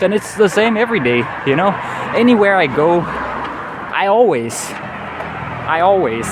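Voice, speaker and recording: Walking outdoors through city traffic, a male travel vlogger with a Danish accent, Danish by birth, talks earnestly and meanders, frequently saying "you know." His pitch is fairly high. The street traffic noise is clearly audible.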